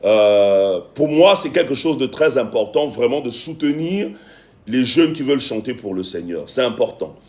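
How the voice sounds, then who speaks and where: Animated and a little mellow, this mid-range male voice moves at normal speed as a music producer runs a casual phone live stream. Full of fillers, he keeps repeating himself and begging his viewers to support him.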